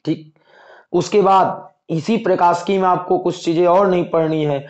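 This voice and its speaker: A male teacher with a high, darkish voice and fairly even intonation walks students through their exam syllabus at a moderate pace. He repeats himself for emphasis, reassures them, and addresses them as dear children, all recorded in an echoey room with dull lo-fi audio.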